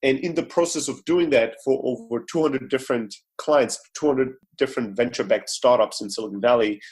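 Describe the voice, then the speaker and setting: Husky guy on a remote call, podcast guest, fast talker, lots of ums. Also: mid-range voice. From Greece. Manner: fast, energetic storytelling with many fillers. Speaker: startup CEO guest. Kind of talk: podcast interview.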